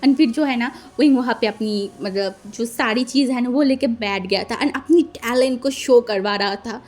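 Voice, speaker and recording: A woman's voice: a little high, normal speed, darkish tone, soft background music. A woman casually retelling a fan story in a chatty way, dropping in English words and giggling now and then. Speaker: fanfiction storyteller.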